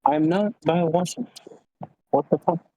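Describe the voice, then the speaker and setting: A man's voice: on the high side, moderate pace, dark tone. A man playing in a tabletop game over a voice call, giving blunt, curt replies through a muffled headset mic that sounds underwater. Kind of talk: casual play chat over voice call.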